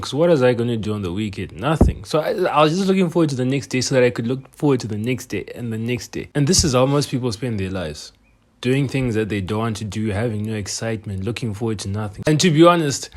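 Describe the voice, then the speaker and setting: A young man talking earnestly in a reflective personal monologue, his voice often trailing off softer at the ends of phrases. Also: medium pitch, lively intonation, quick pace. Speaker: self-improvement vlogger.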